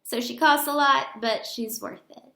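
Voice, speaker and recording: An elementary school teacher with a higher voice and some vocal fry reads a picture book aloud at normal speed. She's expressive and stops to explain things to the young children in simple words, and the indoor room echoes around her.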